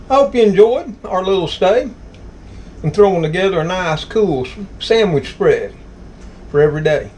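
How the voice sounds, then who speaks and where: A man's voice: fairly high pitch, a little mellow, slight background noise, low-quality recording. A man with a Southern US accent hosting a casual home cooking vlog, folksy and exclamatory as he savors his food. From Southern United States. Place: home kitchen.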